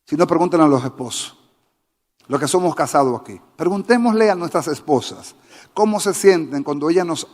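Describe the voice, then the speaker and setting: Fervent pastor in reverberant church. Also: male voice, a little high. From Dominican Republic. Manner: fervent preaching, direct questions to the congregation. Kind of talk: sermon. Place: church sanctuary. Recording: church hall with long reverb.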